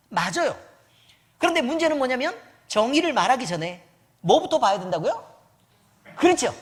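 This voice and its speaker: A woman pastor preaching at a church service in a teasing, conversational way, constantly quizzing the congregation with questions. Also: medium pitch. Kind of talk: sermon.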